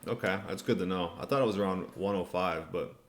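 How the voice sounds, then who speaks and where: A man's voice: deep voice, fast, slight background noise. A man hosting a casual livestream Q&A, talking in a laid-back, colloquial way as he reads and answers viewer comments. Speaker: livestream host.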